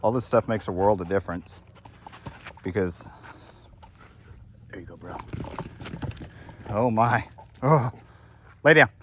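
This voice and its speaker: A man's voice: fairly low pitch, lively intonation, slow, long pauses, a little hiss or hum. A man who trains dogs, giving an unscripted outdoor talk in a casual, blunt, rambling way with lots of fillers. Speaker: dog trainer and kennel owner.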